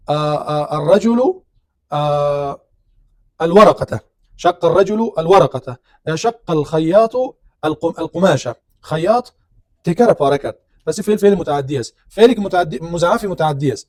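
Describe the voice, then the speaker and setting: A man's voice: fairly high pitch, darkish tone, dry recording. A man teaching a grammar lesson, explaining step by step and asking and answering his own questions. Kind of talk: classroom lecture on grammar.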